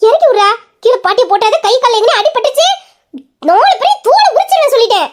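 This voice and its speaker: A woman's voice: extremely high pitch, lively intonation, quick pace. A woman playing a bossy, exasperated big sister. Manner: scolding, exasperated questions. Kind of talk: comic storybook voice acting.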